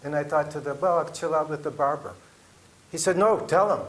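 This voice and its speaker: A man's voice: a little high, a little fast, reverberant. A man giving an agitated, pleading public comment at a city council meeting.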